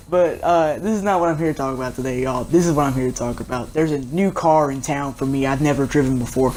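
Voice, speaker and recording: A young man, chatting casually and jokily as he reviews a racing game car for his viewers. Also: on the high side. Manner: rambling, jokey, chatty, talks straight to viewers. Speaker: gaming video host.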